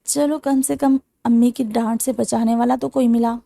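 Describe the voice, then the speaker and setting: Young bride put on by a woman, cheeky, insistent, high voice. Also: fairly even intonation, vocal fry, dark tone, no room sound.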